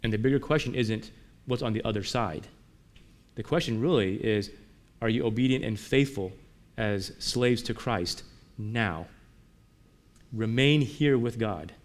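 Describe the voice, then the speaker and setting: A man preaching a sermon in a conversational way, moving between emphatic lines and quiet ones, often asking his listeners rhetorical questions. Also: fairly low pitch, unhurried. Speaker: pastor.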